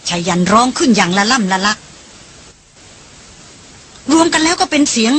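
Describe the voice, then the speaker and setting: A woman reading the part of an excitable, jumpy young man with an eager, breathless delivery. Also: fairly high pitch, normal speed, slightly rough, full character voice. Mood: excited.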